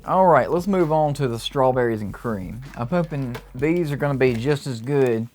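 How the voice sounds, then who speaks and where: A man giving an enthusiastic, casual review of low-carb snacks, reacting as he tastes them. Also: animated, normal speed, a little mellow, soft background music. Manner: upbeat, enthusiastic tasting reactions. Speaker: food reviewer. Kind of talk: casual product review vlog.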